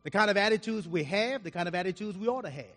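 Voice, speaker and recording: A man's voice: high-pitched, fast, a bit bright. A man preaching a sermon, reading scripture aloud and explaining it, his volume rising and falling for emphasis. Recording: reverberant hall.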